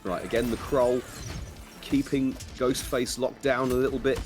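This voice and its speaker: A man's voice: mid-range voice, level tone, a little slow, over music. A man giving color commentary on a fighting game match, wry and joking, full of technical analysis.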